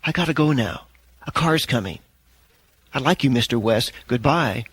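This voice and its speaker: A man voicing a frightened, frail nine-year-old girl who speaks slowly and carefully. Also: medium pitch, lively intonation, breathy edge, dry recording. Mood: fearful. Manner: slow, hushed, careful words.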